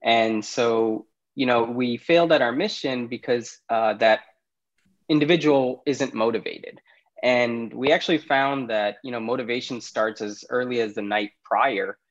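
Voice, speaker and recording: The lo-fi recording captures a Pakistani man, a startup CEO, as an easygoing podcast guest in casual conversation. He speaks slowly in a medium-pitched voice, laughing frequently between points.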